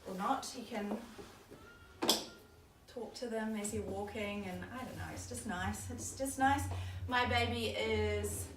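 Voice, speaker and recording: Picked up from afar by a camera mic, this roomy, noisy clip features a young woman with a New Zealand accent demonstrating a stroller at a baby store. Her medium-pitched voice is measured and fairly even, and she chats casually, often saying um.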